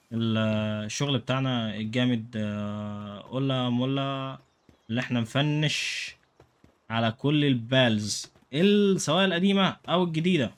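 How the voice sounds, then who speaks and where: A young man with an Egyptian Arabic accent giving joking, excitable commentary while playing a video game. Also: medium pitch. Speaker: gaming YouTuber. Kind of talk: let's play commentary.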